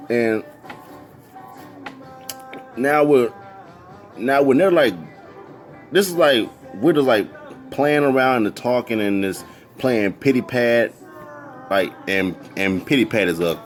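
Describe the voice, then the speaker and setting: A man telling a story casually, excitable and jumping into high squeals when he quotes people.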